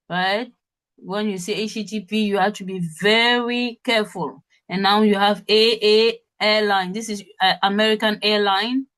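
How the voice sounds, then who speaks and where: A woman's voice: medium pitch, a bit bright. A woman instructor running an interactive workshop, spelling out web addresses and often checking in with her audience.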